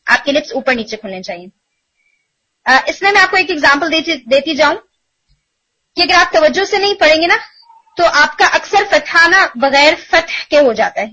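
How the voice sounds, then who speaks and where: A woman teaching recitation in an online lesson, walking students through pronunciation point by point. Her voice sits high and bright, and she checks in with quick rhetorical questions. The recording is somewhat dull and lo-fi. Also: expressive. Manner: explanatory, asks students rhetorical checks, demonstrates syllables slowly. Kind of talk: online tajweed lesson in Urdu mixed with English.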